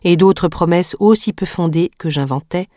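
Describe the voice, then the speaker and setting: A woman narrating a classic novel aloud in a measured, even storytelling manner. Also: on the low side, dry recording, studio quality. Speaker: audiobook narrator. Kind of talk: literary audiobook narration.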